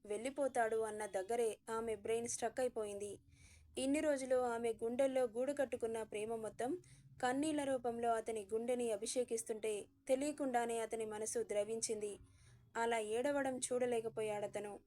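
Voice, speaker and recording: A woman storyteller narrating a romantic audio drama in a smooth, even reading. Her voice sits high, with a soft, warm, mellow tone rather than a bright one. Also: a little fast.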